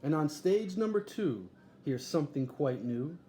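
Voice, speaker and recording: Reading a storybook aloud, a man voices an eager, boastful boy showman, barking grandly like a ringmaster in a showy, proud mood. His voice is fairly high, animated and mellow, at a measured pace. The room is echoey, with faint background noise.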